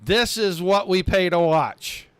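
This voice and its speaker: A man's voice: high-pitched, smooth, no echo. A man calling the finish of an online stock car race and then interviewing drivers as the host. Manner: fast, excitable play-by-play. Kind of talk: excited race commentary.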